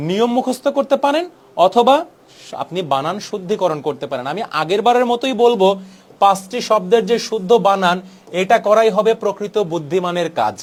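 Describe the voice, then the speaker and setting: A young man from Bangladesh teaching an exam-prep lesson, brisk and persuasive, dropping English words into his Bangla. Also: high voice. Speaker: exam tutor.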